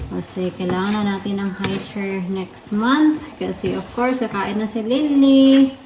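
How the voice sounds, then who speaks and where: A woman's voice: medium pitch, a little slow, darkish tone, slight background noise. A young woman from the Philippines with a Filipino accent, chatting casually through a cooking vlog at home and mixing Tagalog with English. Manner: chatty, switches between Tagalog and English, calls viewers "loves". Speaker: vlogger, mother of a baby. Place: home kitchen, indoors. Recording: echoey kitchen with frying sizzle.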